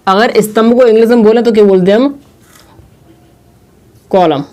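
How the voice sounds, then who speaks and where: A man teaching a maths lesson at a board, slowly explaining and repeating, asking questions and answering them himself. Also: very high voice, steady tone, darkish tone. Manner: slow, repetitive explaining.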